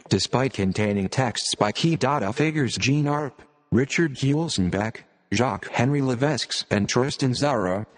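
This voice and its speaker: This lowish synthetic male voice, much like a vintage speech synthesizer, works through a prepared script in rigid, mechanical, evenly paced phrases. It sounds as though it's in a big room.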